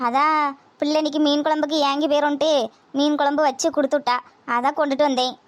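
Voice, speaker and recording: Woman doing a talky aunt in a cartoon, high voice, tirunelveli tamil, calming tone. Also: quick pace, lightly acted. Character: chatty middle-aged aunt, soothing.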